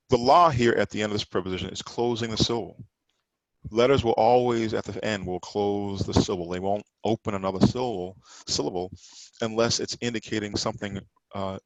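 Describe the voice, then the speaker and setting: Low, gravelly-voiced male teacher. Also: no room sound, low-quality recording. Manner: explanatory, emphatic, repeats words while correcting others' pronunciation. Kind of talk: Sabbath study class lesson.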